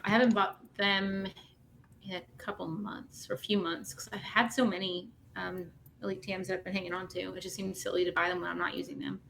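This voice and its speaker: A woman's voice: medium pitch, flat delivery, a little fast, creaky, fairly bright tone. A woman chatting casually as a panelist on a podcast. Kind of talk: casual chat. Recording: faint background noise on mic.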